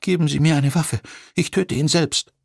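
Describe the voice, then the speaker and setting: A man voicing a frightened, frail young woman who pleads in a high, whining voice in an audiobook. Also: fairly even intonation, moderate pace, creaky, dry recording, clean studio sound. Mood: desperate.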